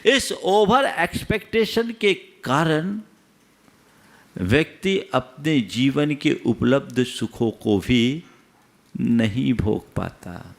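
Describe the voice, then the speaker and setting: A man's voice: mid-range voice, animated, extremely slow, creaky. A man, a monk, giving a sermon that questions his listeners and teaches through everyday anecdotes. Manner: asks the audience rhetorical questions. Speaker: Jain monk preacher.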